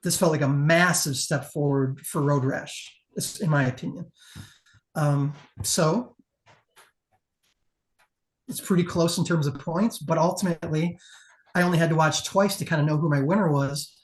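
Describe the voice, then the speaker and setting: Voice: medium pitch, moderate pace, long pauses. A competition judge giving a casual panel critique in an emphatic, profane, conversational way.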